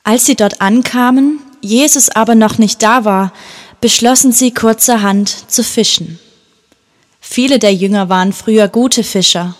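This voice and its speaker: A woman narrating a children's Bible story in a calm, gentle storytelling manner. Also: fairly high pitch, unhurried.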